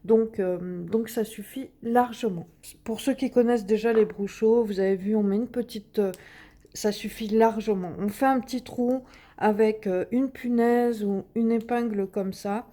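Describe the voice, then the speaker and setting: Woman hosting a craft tutorial; chatty, filler-heavy, mellow and higher-pitched. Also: fairly even intonation, unhurried. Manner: chatty, many fillers and little "hop" sounds while working. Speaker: craft video host. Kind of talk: casual craft demonstration.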